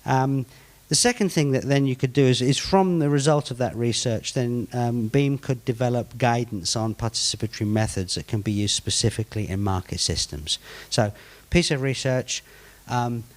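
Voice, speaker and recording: A man's voice: mid-range voice, normal speed, hardly any pauses. A man with a British accent presenting his group's proposal at a conference, with teasing humor before getting practical. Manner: jokey, teasing, then practical.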